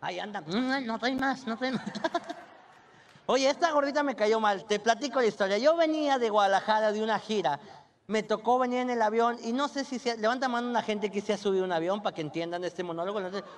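A young adult man with a Mexican accent telling a crude, animated stand-up story. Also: high-pitched, quick pace. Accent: Mexican Spanish. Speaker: stand-up comedian. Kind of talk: stand-up comedy monologue.

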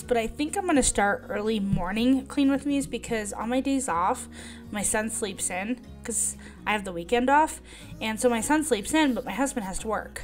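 A middle-aged woman narrating her cooking and cleaning in a casual, rambling voice-over full of ums. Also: medium pitch. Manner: chatty, rambling with many ums. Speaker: vlogger.

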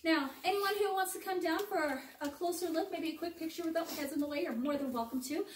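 With a very high voice and fast delivery, a woman leading a cave tour talks playfully and chattily to her group in an underground room. A visitor's phone recorded her from afar, capturing echo and faint noise.

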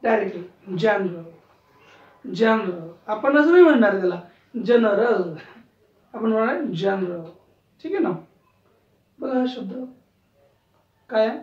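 Teacher drilling word stress, distant roomy sound. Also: female voice, fairly high pitch, big pitch swings, a little mellow, highs cut off. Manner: repeats words slowly, stressing syllables with emphasis; asks learners questions and checks understanding. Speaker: English pronunciation teacher. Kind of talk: classroom lesson in Marathi. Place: room with a writing board.

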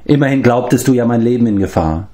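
A man reading an audiobook, voicing a noble adult male prince and war leader who speaks in a measured, commanding way. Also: mid-range voice, animated, mellow, voice pushed up, natural voice.

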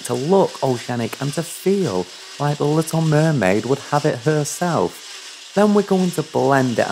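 A man's voice: on the high side, a little mellow. A man hosting a cocktail recipe video, talking viewers through each step in a chatty, playful way with apologetic asides. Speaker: cocktail show host. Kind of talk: recipe tutorial voice-over.

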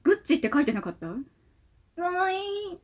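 A woman YouTuber giving casual fan reaction commentary on a music video, gushing and excitable, talking half to herself. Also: extremely high pitch, fast talker.

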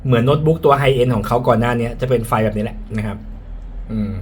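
A fast-talking man with a medium-pitched, steady voice reviews a tech product, sounding slightly muffled behind a face mask. He's casual and frank, often restating his points, while background ambient noise comes through clearly.

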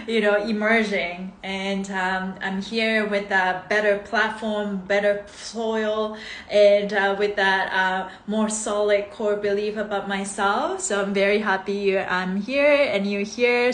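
A woman's voice: medium pitch, a bit bright. A woman in her thirties, originally from Japan and a native Japanese speaker, leading a live-streamed movement class with bubbly, sing-song greetings and frequent laughs, filmed on a phone in her living room. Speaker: movement coach. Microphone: phone camera, close then from across the room. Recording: echoey room with faint noise.

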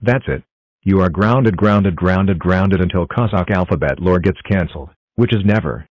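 A male text-to-speech voice plays a bossy boy who scolds and accuses in a cartoon. He repeats his words over and over in a very deep synthetic voice. The sound is dry and dull. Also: normal speed, dry recording, lightly acted. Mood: furious. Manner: shouting repetitions, scolding.

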